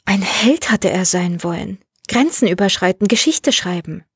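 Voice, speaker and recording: A woman narrating a science fiction story aloud in a measured, expressive way. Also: medium pitch, slightly rough, no room sound, studio quality. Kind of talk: scripted audiobook narration.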